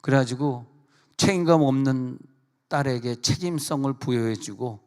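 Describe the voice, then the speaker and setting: Man, pastor, sermon, voices a mother and daughter, questions the congregation, mid pitch, long church hall reverb. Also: normal speed, a little mellow. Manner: speaks directly to the congregation with questions. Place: church sanctuary.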